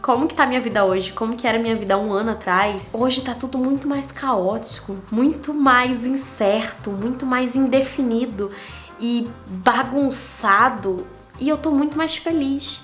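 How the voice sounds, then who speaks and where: Speaking at normal speed over faint background music, a young Brazilian digital nomad vlogger talks in a voice on the high side with a Brazilian Portuguese accent. Her casual monologue is candid and reflective, structured as numbered lessons.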